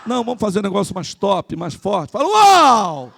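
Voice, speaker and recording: Gravelly high-voiced Brazilian preacher. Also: male voice, fairly quick. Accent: Brazilian Portuguese. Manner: animated, calls out to the congregation. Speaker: pastor. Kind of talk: lively sermon. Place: church service.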